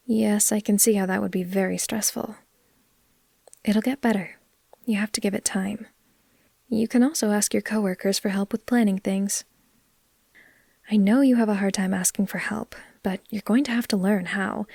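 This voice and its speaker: Soothing and creaky, a woman's medium-pitched voice carries a soft, unhurried ASMR roleplay in which she's a caring vampire who teases gently and now and then slips toward a whisper. It's studio quality with no room sound.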